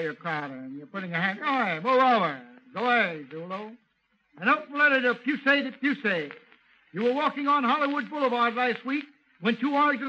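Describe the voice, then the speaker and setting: A man's voice: very high voice, pushed and bright, slightly rough. A man doing 1930s radio comedy as a columnist, blustering and grumbling asides. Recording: old lo-fi radio recording with hiss.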